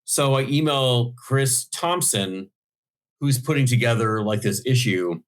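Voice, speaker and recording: A man in the middle of the usual pitch range, talking casually as a podcast guest. He tells long, winding stories and keeps restarting his sentences. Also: animated, measured pace. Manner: rambling storyteller, many fillers and restarts. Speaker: guest comic book writer.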